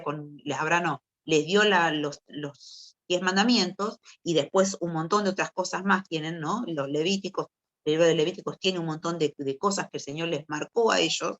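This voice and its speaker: A woman's voice: lowish voice, fairly bright tone, dull audio. A woman with a Rioplatense Spanish accent, teaching a youth group from the Bible in a chatty way, often asking her listeners questions and acting out people's excuses. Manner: conversational, asks listeners questions, acts out excuses.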